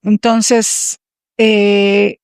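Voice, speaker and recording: A woman in her sixties with a Mexican accent, telling her faith testimony as a podcast guest in an earnest, measured way. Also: mid-range voice, little pitch movement, a little mellow, clear, resonant tone, no room sound, studio quality. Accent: Mexican Spanish. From Tampico, Mexico. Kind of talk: personal testimony.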